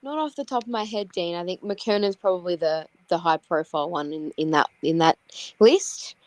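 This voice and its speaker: A woman's voice: fairly low pitch, normal speed, a little mellow, dry recording, rough recording. A woman with an Australian accent, a guest chatting casually about football on a podcast. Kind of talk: casual footy chat.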